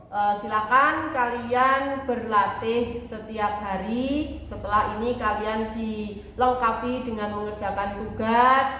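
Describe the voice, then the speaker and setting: A woman teacher in a recorded video lesson, chatty and explaining at a mid-range pitch. Her voice rings around a very echoey room, and a faint hiss of background noise sits under it. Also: fairly bright tone. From Indonesia. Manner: chatty, explains in Indonesian mixed with English phrases; models English phrases slowly for students to repeat. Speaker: English teacher.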